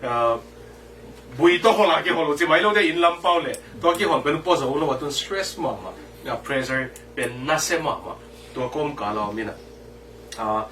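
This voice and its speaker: Male pastor preaching, slightly high voice, recorded from a distance. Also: moderate pace, bright, forceful tone. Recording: distant mic with faint background noise.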